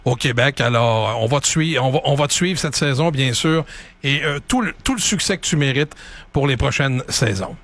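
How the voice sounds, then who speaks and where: A man's voice: medium pitch, animated, normal speed, a bit bright. A man with a Québécois accent co-hosting a sports show in conversational interview style.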